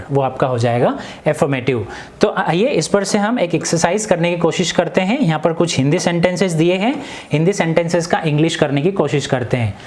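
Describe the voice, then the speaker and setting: Teacher, Hindi-medium English grammar lesson, asks and answers own questions, repetition drills, middle pitch. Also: darkish tone.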